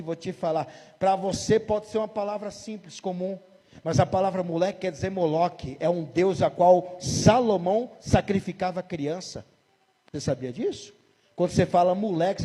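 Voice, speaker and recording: A Brazilian pastor in his forties, from São Paulo state, preaches emphatically with a Brazilian Portuguese accent, asking the congregation rhetorical questions. His voice is high-pitched, mellow, with a breathy edge, heard in a big-room sound.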